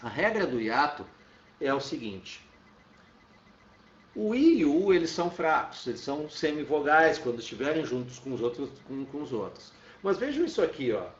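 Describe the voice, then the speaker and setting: A man's voice: medium pitch, sing-song, fairly quick, a bit bright, recorded from a distance. A man teaching a lesson, explaining step by step and checking in with his students. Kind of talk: classroom lecture. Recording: roomy, dull sound from off-mic.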